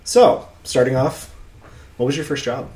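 Lively young man, echoey room. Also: mid-range voice, measured pace. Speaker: podcast host. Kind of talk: casual chat. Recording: echoey room, faint background noise.

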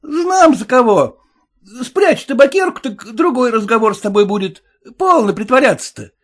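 A man voicing a suspicious, boastful peasant cab driver with a shrill, folksy way of talking. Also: lively intonation, moderate pace, fairly bright tone, exaggerated voice.

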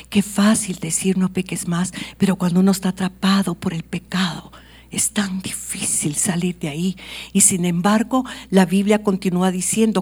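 Woman pastor, Guatemalan Spanish accent, dramatic sermon, hushed whispers and louder swells. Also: mid-range voice. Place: church.

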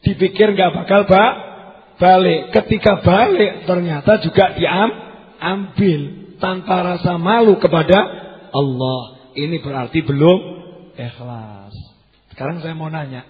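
Male preacher, Javanese accent, quiet restrained delivery, dull lo-fi hall recording. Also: sits high, a little slow. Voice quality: softened, quiet voice. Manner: questions the audience, mixes local words. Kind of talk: sermon.

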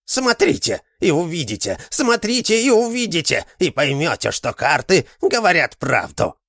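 A man voicing an old male village fortune-teller who is sly and ominous, with excited exclamations and drawn-out words. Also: medium pitch, no echo, clean studio sound.

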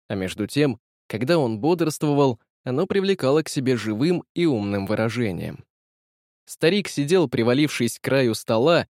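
Мужчина-чтец, сухой студийный звук. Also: male voice, mid-range voice, no echo, clean studio sound. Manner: measured, expressive. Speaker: audiobook narrator. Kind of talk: literary audiobook reading.

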